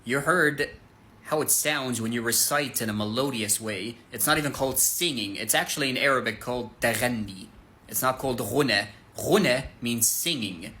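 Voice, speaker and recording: A man's voice: medium pitch, sharp tone, slight background noise. A man giving an earnest, direct religious lesson, speaking plainly to his listeners and stopping now and then to demonstrate recitation. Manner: breaks into melodic Quran recitation to demonstrate. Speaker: Islamic teacher. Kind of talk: casual religious teaching to camera.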